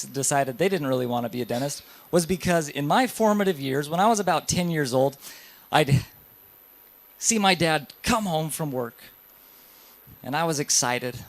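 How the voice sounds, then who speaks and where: A man in his thirties, a dentist giving a live lecture to other dentists in a hall, telling stories and asking the audience questions. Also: a little high. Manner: lively storytelling, addresses audience directly.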